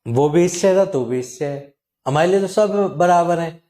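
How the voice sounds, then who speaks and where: A man hosting his channel, talking casually and animatedly to viewers and acting out callers' lines in quick quotes. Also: on the high side, dark tone. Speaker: channel host advising viewers on loan recovery calls. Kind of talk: casual talk to camera.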